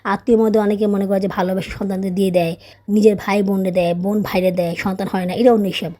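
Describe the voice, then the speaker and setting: A woman's voice: medium pitch, flat delivery, quick pace, dark tone. A young woman vlogger and mother, chatting in casual voice-over, telling her story with frequent tag questions. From Bangladesh. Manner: raised, scolding teacher voice when tutoring her child.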